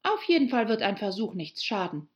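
A woman's voice: mid-range voice, very animated, brisk, muffled recording, voice pushed up, lightly acted. A woman voicing an eager, polite young girl who chatters on apologetically.

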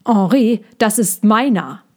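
Lady doing a gruff circus boss man, loud and blustery, slow heavy storybook lines. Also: mid-range voice, animated. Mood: angry.

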